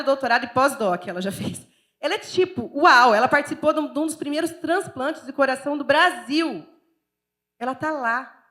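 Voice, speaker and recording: A Brazilian woman pastor preaching a sermon in a chatty, candid and expressive way, with a Brazilian accent. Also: high-pitched. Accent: Brazilian Portuguese. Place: church.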